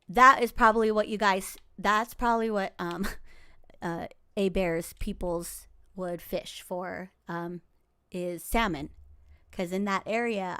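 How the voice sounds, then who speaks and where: This Los Angeles game streamer, a woman in her forties whose native language is Tagalog, rambles casually through her gameplay with fillers, gentle laughter and whispered asides. Her mid-range voice sounds clean and studio quality, with no room sound.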